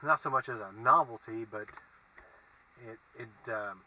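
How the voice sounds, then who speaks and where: Halting man with a sharp, bright voice. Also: mid-range voice. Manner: halting, musing. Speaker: food reviewer. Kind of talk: casual vlog review, talking while eating. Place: inside a parked car with windows down. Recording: distant mic, faint car and traffic noise.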